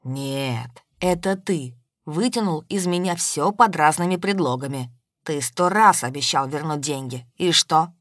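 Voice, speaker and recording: A woman voicing a capricious, quick-tempered wealthy woman in an audiobook. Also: a bit bright, no room sound, clean studio sound. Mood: angry. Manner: capricious and shrill.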